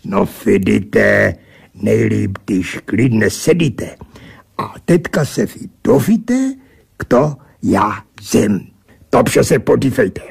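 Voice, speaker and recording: A rude, boozy creature built of casks and bottles, put on by a male storyteller, booming in slow, mangled speech dotted with German words. His voice is gravelly and husky, and it swings lively up and down as he scolds. It sounds like a creature out of a read-aloud tale. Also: exaggerated voice. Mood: gruff mocking.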